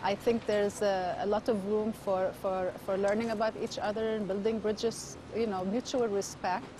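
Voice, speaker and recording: A woman's voice: medium pitch, little pitch movement, moderate pace. Woman, composed and considered, street noise around. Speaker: street interviewee. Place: outdoors on a city street.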